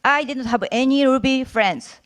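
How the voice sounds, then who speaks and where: Casting: woman, Japanese accent, highish smooth voice, careful halting delivery of a prepared short talk. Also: fairly bright tone. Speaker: conference speaker, workshop organizer. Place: conference stage.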